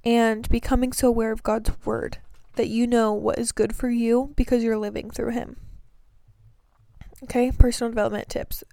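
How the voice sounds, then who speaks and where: A woman's voice: on the high side, little pitch movement, moderate pace, creaky, dark tone, dry recording, clean studio sound. A young woman chatting to camera about her life, earnest and sleepy, with many fillers. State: sleepy, yawning. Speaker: vlogger giving breakup advice. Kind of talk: casual chat to camera.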